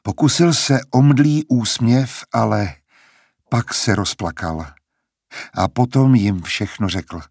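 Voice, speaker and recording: A man reading an audiobook as narrator in a calm, steady storytelling manner. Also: mid-range voice, creaky, slightly rough, no room sound, studio quality. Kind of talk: scripted narration.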